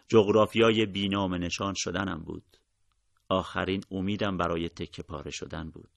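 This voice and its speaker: Male audiobook narrator: somber, measured storytelling, dry close recording, very low voice. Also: creaky, fairly bright tone, no room sound.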